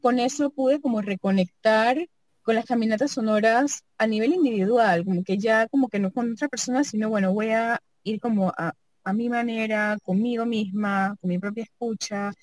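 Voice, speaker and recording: Her voice is darkish and moderately paced as she reflects informally on being a sound artist and double bass player, thinking aloud with many tag questions. The recording is rough, with no echo.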